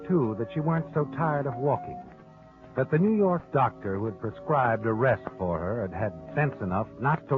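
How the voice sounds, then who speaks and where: An actor playing a sinister, all-knowing storyteller in a theatrical 1940s radio mystery style. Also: male voice, mid-range voice, natural voice. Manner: ominous, theatrical. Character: the Whistler, sinister omniscient male storyteller of dark secrets. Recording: tinny band-limited old radio broadcast with music. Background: dramatic music.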